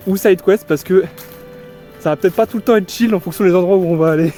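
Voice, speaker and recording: Walking outdoors through a forest, a young man talks fast and cheerfully for his casual vlog, rambling as he goes. His voice is high-pitched with a dark tone, and soft music plays in the background.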